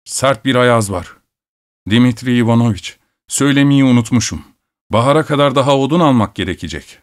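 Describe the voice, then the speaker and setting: A man's voice: medium pitch, animated, brisk, natural voice. A man voicing a fussy male servant who grumbles indignantly to his master in an audiobook. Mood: fretful. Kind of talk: audiobook character voice.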